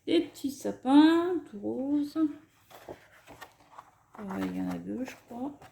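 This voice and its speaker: Woman vlogger, gravelly and warm voice, chatty and self-correcting, echoey room with faint hiss. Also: a little high, expressive, slow pace. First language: French. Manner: chatty, self-correcting, showing items one by one. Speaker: craft haul vlogger. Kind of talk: casual haul commentary.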